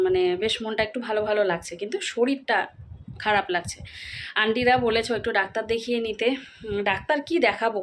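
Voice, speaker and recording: A woman, chatting quickly and casually to her viewers while vlogging at home. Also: a little high, a little hiss or hum. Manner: rapid chatty talk with fillers. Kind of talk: casual vlog chat to viewers.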